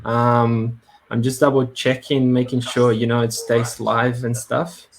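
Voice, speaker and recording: A man's voice: medium pitch, completely flat delivery, measured pace, slight background noise. A man hosting a live webinar in a casual, hesitant way, with many fillers and restarts. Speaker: webinar host. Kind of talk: casual live-stream talk. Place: Brisbane.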